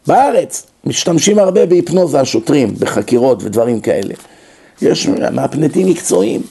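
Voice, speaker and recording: A man with a slightly high, gravelly voice and a dark, mellow tone gives a lecture. He tells stories and acts out the people in them, shifting his voice for each quoted line. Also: lively intonation. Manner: storytelling, acts out quoted dialogue with shifts in pitch. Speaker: religious lecturer. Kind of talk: lecture on the mind and soul.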